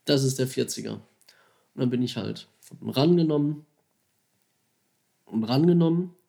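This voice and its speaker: A man casually and excitedly retelling how he caught a huge fish, slangy and animated, acting out his own thoughts and phone calls. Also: mid-range voice, measured pace, gravelly. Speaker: angler telling a fishing story. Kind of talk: casual storytelling.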